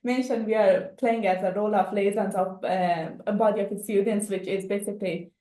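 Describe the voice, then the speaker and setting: A woman's voice: mid-range voice, fairly even intonation, a little fast, warm tone. A young woman from Afghanistan, co-hosting a student podcast in casual talk, earnest and often restarting her sentences. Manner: earnest, restarts often, laughs between phrases. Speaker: student co-host. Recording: echoey room.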